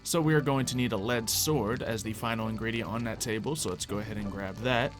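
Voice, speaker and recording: A man hosts a gaming video, thinking aloud and casually explaining what he's doing in a conversational way. His voice is lowish and brisk, with music playing in the background.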